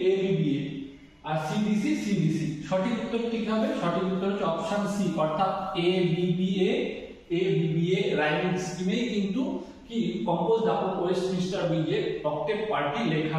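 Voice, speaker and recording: A man teaching an exam-prep English lesson, reading each question slowly and often checking that his students follow. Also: high voice. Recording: echoey room, distant mic.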